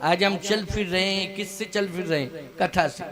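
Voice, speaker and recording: A man's voice: sits high, moderate pace. An older man giving a devotional sermon to a live audience. He repeats his phrases and asks the audience questions that he answers himself. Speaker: spiritual teacher giving a scripture discourse. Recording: devotional music playing under the voice.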